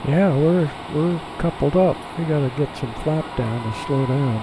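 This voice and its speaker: A male pilot speaking into his cockpit headset, giving a relaxed, folksy running commentary while he flies. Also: on the high side, normal speed. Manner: relaxed, folksy, thinking aloud. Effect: pilot cockpit headset sound. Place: aircraft cockpit in flight. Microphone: pilot's cockpit headset mic. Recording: headset mic over steady cockpit engine noise.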